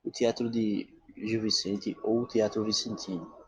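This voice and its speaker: A man's voice: lowish voice, flat delivery, a little slow, noisy background. A male teacher, giving a lecture who keeps checking in with his listeners and answers his own questions. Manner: checks in often with "tá bom?" and "né?"; asks questions and answers them himself. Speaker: literature teacher. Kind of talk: classroom-style lecture.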